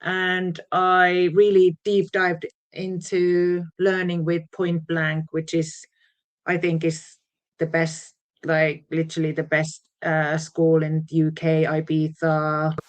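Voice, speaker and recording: The speaker is a DJ and producer from Finland, a native Finnish and Swedish speaker, chatting casually in an interview about how her music career developed. Her voice sits low with a completely flat delivery and slow pace, and the sound is lo-fi. She has a Finnish accent, uses fillers and laughs often.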